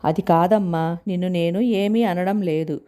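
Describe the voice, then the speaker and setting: A woman reading a story aloud and voicing a calm, questioning elder brother in a low, mellow voice. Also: measured pace, clear, resonant tone, lightly acted. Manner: gentle, questioning. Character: calm adult man, elder brother of the house.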